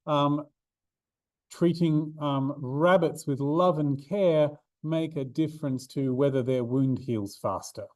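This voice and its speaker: A man's voice: medium pitch, a little mellow, dry recording. A man giving a revision seminar to statistics students, talking casually with many ums and restarts. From Australia. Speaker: maths tutor. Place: university classroom.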